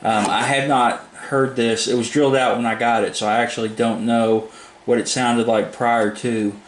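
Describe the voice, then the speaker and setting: This hobbyist product reviewer delivers his demo flatly, at a moderate pace, in a mid-range voice. The talk is unscripted, informal and meandering, recorded at a home desk in an echoey room with faint noise behind it.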